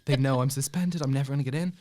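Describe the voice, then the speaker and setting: Speaking rapid-fire at a medium pitch, a young Irish man appears as a podcast guest, telling a personal story in casual chat. He retells it with animation, acting out bits of dialogue and tossing in laughing asides.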